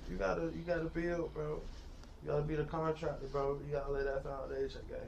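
A man's voice: fairly high pitch, flat delivery, quick pace, vocal fry, a little mellow, highs cut off, a little hiss or hum. A young man in his twenties co-hosting a podcast, talking bluntly in casual slang with lots of swearing. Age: 20s. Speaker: podcast co-host. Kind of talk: casual profane chat.

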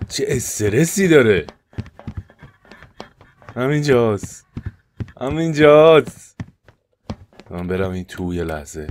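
Very animated and barely pausing, a low-voiced man with an Iranian Persian accent narrates a let's-play for his gaming YouTube channel. He veers from loud panicked yelps to quiet, tense muttering. There is slight background noise.

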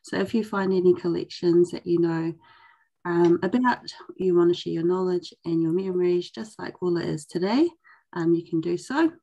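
A woman's voice: lowish voice, moderate pace, vocal fry, warm tone. A young woman casually presenting as host of an online session. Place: indoors on a video call.

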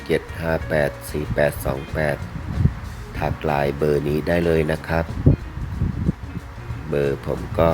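Man, very low voice, flat intonation, polite seller's video narration, short halting phrases, music behind. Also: rough recording. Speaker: fish seller presenting betta fish for sale. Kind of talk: unhurried sales video narration.

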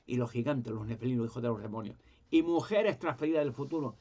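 Husky stammering Spanish man. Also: medium pitch, brisk, dark tone, muffled recording. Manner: stammering, repeats words while searching. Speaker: speaker recounting his own story. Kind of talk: rambling first-person monologue.

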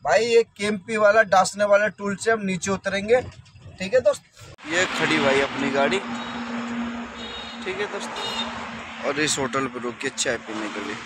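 A high-voiced trucker in his thirties chats casually to viewers via a phone camera at arm's length while traveling. In this travel vlog narration he keeps using "brother" and "friends," and the noisy outdoor recording was made near trucks on roads and at highway stops.

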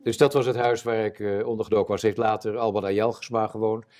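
A man in his seventies, an eyewitness telling his war memories in an interview before an audience, animated and acting out the voices of others. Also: on the low side, fast talker. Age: 70s. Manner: animated storyteller, acts out quoted voices. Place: stage before a live audience.

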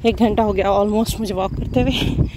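A woman, a mother and family vlogger, chatting casually to camera and talking firmly but gently to her kids. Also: mid-range voice, steady tone, moderate pace. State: tired from walking. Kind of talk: casual vlog chat. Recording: noisy background.

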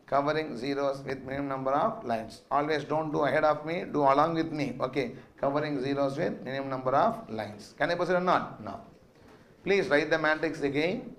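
A man with a South Indian accent teaches maths in a slightly high-pitched voice. He dictates figures and phrases, repeating them for note-takers. He prompts his students with short questions. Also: fairly quick, fairly bright tone. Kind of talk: classroom lecture with dictation.

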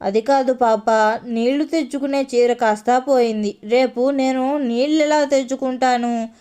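Woman reading as a timid naive young woman, high voice, meek, slow pleading. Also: steady tone, mellow, clean tone, lightly acted. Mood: tearful.

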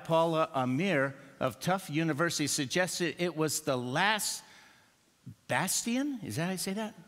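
An older male pastor delivers a joking, story-filled sermon. His voice is lively and bright, with a slightly high pitch, and it rings out with long reverb in a church sanctuary.

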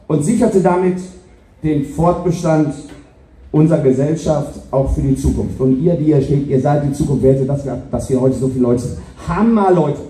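A mature man projecting an informal, jocular ceremonial speech to a crowd as a society captain. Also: high voice. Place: large outdoor square between buildings. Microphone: stand microphone at lectern, distant camera. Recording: echoey loudspeaker sound, somewhat distant.

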